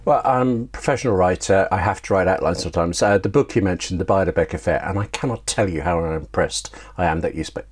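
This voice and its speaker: Deep-voiced and slightly rough, this British writer talks fast with hardly any pauses as a casual interview guest. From the United Kingdom, he's a chatty storyteller who breaks into his own anecdotes.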